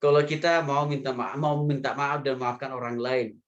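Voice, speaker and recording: A male pastor giving a sermon in a lively, humorous way, chuckling often and addressing the men in the congregation directly. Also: mid-range voice, normal speed, dull audio.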